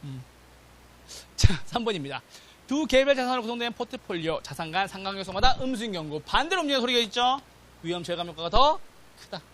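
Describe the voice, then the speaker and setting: A middle-aged man teaching an exam-prep class, lively and constantly checking that students follow. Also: high-pitched, quick pace. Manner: animated, checks in with "맞죠?" and "됐죠?", acts out quotes. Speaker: real estate exam lecturer. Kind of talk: classroom lecture.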